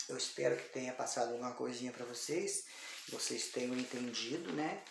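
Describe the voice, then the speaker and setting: A man from Brazil teaching English pronunciation in an online lesson, slowly drilling words over and over with many fillers. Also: medium pitch, creaky. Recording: echoey room, voice far from mic, faint noise.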